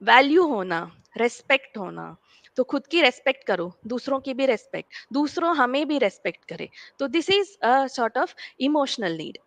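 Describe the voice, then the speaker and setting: Slow-spoken high-voiced woman coach. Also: very animated, fairly bright tone, no echo. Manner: slow, listing points one by one. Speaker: life coach guest. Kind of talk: interview answers mixing Hindi and English.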